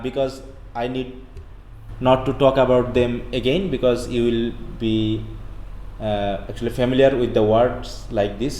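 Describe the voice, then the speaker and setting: A man's voice: mid-range voice, a little mellow. Bangladeshi man teaching grammar in an echoey room. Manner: slow, halting English explanations full of "uh" and "actually", quicker Bengali asides. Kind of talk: live online class, mixing English and Bengali.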